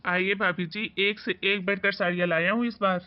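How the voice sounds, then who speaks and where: A man's voice: sits high, fairly even intonation, brisk, clean tone, muffled recording, natural voice. A man voicing a polite saree seller who eagerly praises his wares. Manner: salesman-like, deferential.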